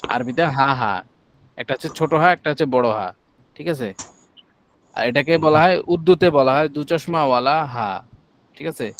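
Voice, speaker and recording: Teaching an online class, a man with a Bangladeshi Bengali accent drills syllables slowly and patiently. His voice is on the high side, and there's no echo.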